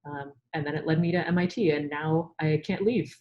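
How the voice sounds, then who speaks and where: A young Pakistani woman, a native Urdu speaker appearing as a guest scientist, answers interview questions over a video call through a headset. Her voice is deep and brisk with the highs cut off, and she tells stories upbeat, with frequent ums.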